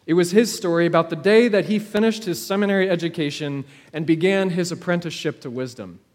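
A man's high-pitched voice carries a sermon through a space where the reverb rings long. He tells it like a story, slowly and deliberately, leaning on dramatic pauses and phrases he repeats.

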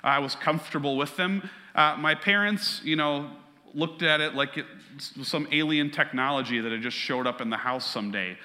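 A man's voice: fairly high pitch, normal speed, sharp tone, in a large hall. A man preaching a sermon as pastor, earnest and conversational, weaving a personal story into his teaching.

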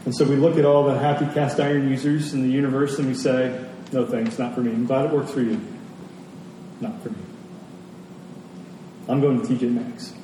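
With a mid-range, mellow voice and level tone, a man delivers a conversational sermon at normal speed, leaving long pauses and repeating key phrases for emphasis. The hall is large and very echoey, and the distant mic also catches faint noise.

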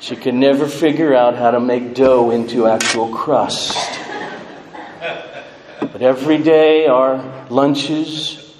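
A middle-aged American man giving a tender eulogy for his mother, speaking in a measured, halting way with pauses. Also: medium pitch, darkish tone. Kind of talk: eulogy speech at a memorial service. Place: large echoing room at a funeral service. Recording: echoey hall, faint background noise.

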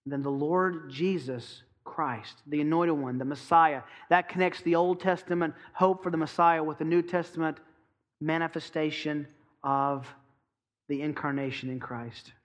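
A pastor preaching a sermon, stressing key phrases and asking the congregation pointed rhetorical questions. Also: male voice, fairly high pitch, fairly even intonation, measured pace.

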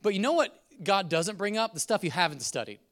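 A middle-aged man preaching a conversational sermon, telling stories with laughs and swings from loud to soft. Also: high-pitched, a little fast. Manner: conversational, animated storytelling with laughs. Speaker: pastor.

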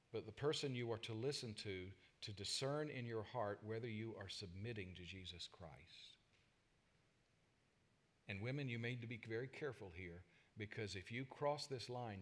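A man preaching a sermon, telling personal stories to his congregation and swinging between loud emphasis and quiet asides. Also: fairly low pitch. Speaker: pastor.

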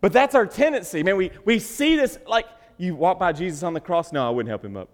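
Preacher guy, jokes around then goes quiet and serious, big echoey church hall. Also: sits high, a little fast. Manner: animated, jokey, swings from loud to hushed. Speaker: pastor. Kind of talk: sermon. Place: church sanctuary. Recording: reverberant hall.

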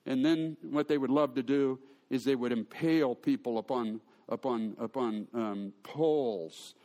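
A pastor preaches a sermon in a mellow, medium-pitched male voice, speaking a little slowly. He tells humorous stories and frequently restarts his sentences.

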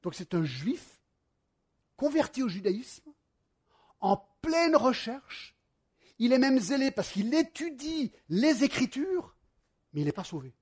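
A man, a pastor preaching a sermon and telling stories to his congregation in a lively way. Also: very high voice, slow pace, long pauses, breathy edge. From United States. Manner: animated storytelling, addresses the congregation directly.

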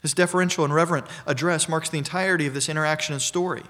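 Man, preacher, expository sermon, measured and emphatic, slightly high voice. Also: steady tone, a bit bright. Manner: measured, emphatic teaching delivery.

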